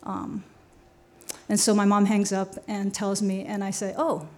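A woman's voice: medium pitch, completely flat delivery, a little slow, darkish tone. An adult woman telling a personal story on a storytelling show, chatty, with fillers and wry laughs.

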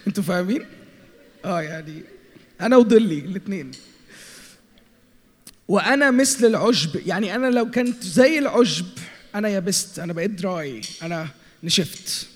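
A young man with an Egyptian Arabic accent preaching a sermon, playfully teasing the congregation and mixing in English words. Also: sits high. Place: large church hall. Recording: hall with long reverb and faint music.

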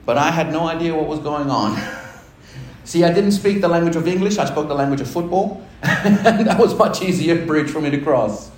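Delivered at normal speed by a pastor whose voice is on the high side, this personal testimony sermon comes from a church hall with roomy acoustics. He's conversational and self-deprecating, laughing with those gathered.

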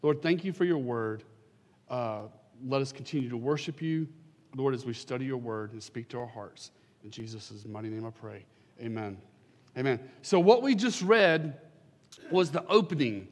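A man's voice: mid-range voice, animated, moderate pace, darkish tone, big-room sound. A man, a pastor preaching into a pulpit microphone in a church sanctuary, praying and then building to fervent, emphatic declarations. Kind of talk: prayer and sermon.

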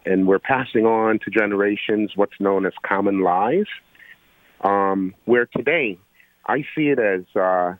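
A man from Guyana, an electrical engineer, calling in to a talk show and making his point earnestly, with many pauses and fillers. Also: on the low side, no room sound, narrow, tinny audio. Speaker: caller. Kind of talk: call-in radio talk.

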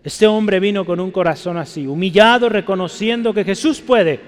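A man's voice: sits high, normal speed, big-room sound. A man preaching a sermon, emphatic and pleading, often asking his listeners to look closely and agree. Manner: emphatic, pleading, repeats 'fíjese' and '¿verdad?'.

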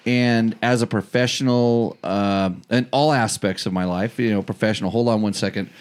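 A man's voice: on the low side, steady tone, normal speed. A man who normally hosts, now working as producer, teasing his stand-in host in a rambling way, stumbling over and repeating words. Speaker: regular host acting as producer. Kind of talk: casual comedic chat show.

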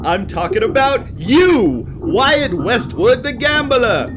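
A man's voice: very high-pitched, very animated, slow, noisy background, exaggerated voice. An actor playing a slick, gleefully sinister traveling salesman in an audio western, with pompous, showy patter. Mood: gloating. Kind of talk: audio western comedy drama acting.

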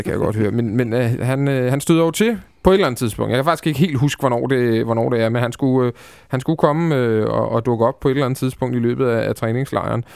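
A man's voice: mid-range voice, vocal fry, darkish tone, clear, resonant tone, no room sound, studio quality. A man hosting a casual football podcast, talking hesitantly with many fillers and restarts. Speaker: podcast host.

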